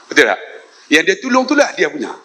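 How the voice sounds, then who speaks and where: A man's voice: on the high side, wildly swooping pitch, quick pace, pushed and bright. A man with a Malaysian Malay accent telling a humorous story at a mosque forum, acting out the dialogue and laughing often. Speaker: religious speaker. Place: mosque forum before an audience.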